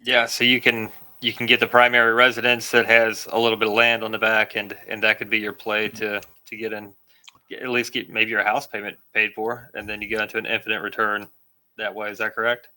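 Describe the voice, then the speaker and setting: A man's voice: fairly low pitch, monotone, fairly quick, sharp tone. A man hosting a podcast, upbeat as he introduces his guest and asks questions. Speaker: podcast host. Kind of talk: podcast interview.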